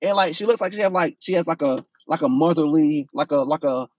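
A young man telling a story in a casual, profane, animated way, full of restarts. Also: a little high, fairly quick.

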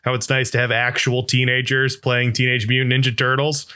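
A man with a bright, forward tone talks casually as a podcast co-host. He is enthusiastic and rambles a little, restarting his thoughts as he goes. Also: medium pitch, completely flat delivery, brisk, smooth. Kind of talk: casual chat.

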